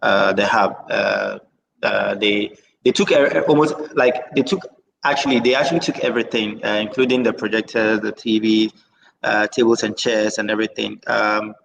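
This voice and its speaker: A man's voice: fairly low pitch, measured pace, creaky, fairly bright tone. A man answering an interview, hesitant and pained, with many "uh"s. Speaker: guest, nonprofit founder. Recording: reverberant room with faint noise.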